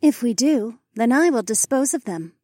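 A man's voice: extremely high pitch, expressive, normal speed, a little mellow, no echo, clean studio sound, pitched above the performer's own voice. A man voicing a firm, protective female warrior who speaks with resolve. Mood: determined.

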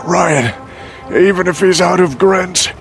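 Slow and gravelly, a man playing a bleeding frontier leader speaks in a raised, strained voice. He sounds beaten, with music playing underneath. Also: high-pitched, a bit bright, pitched above the performer's own voice, exaggerated voice. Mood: despairing. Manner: gloomy, defeated. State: wounded, strained. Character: wounded, despairing male settlement leader.

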